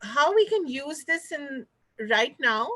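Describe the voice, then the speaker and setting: A woman's voice: high-pitched, sing-song, slow, sharp tone. A woman with an Indian accent hosting a conversational online interview, polite and somewhat rambling as she frames her questions. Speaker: host of an online talk show. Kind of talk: conversational interview, video call. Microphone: video call.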